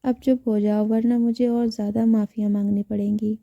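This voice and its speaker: A man's voice: high-pitched, flat delivery, brisk, gravelly, warm tone, dry recording, muffled recording. A woman voicing a young male cousin who teases his sister and later sulks, with a mild, plain-spoken manner. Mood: softened. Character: young male cousin, teasing then sulky.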